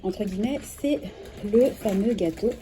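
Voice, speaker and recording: A woman in her thirties with a French accent, chatting casually through a grocery unboxing vlog, correcting herself often and filling pauses with "euh". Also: mid-range voice. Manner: chatty, self-correcting, many fillers. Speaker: vlogger. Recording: clear background noise.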